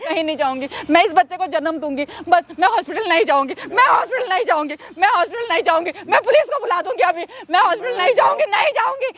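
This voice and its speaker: A woman's voice: extremely high pitch, expressive, fast talker, few pauses, fairly bright tone. A woman acting as an upset young wife who pleads with her husband and insists again and again, in an amateur skit. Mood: defiant. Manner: tearful, insistent repetition.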